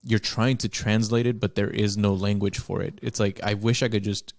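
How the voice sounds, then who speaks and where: A man's voice: fairly low pitch, little pitch movement, normal speed, creaky, darkish tone, no echo, clean studio sound. A man co-hosting a book podcast, searching for words with many likes and restarts. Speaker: podcast co-host. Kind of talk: casual book discussion.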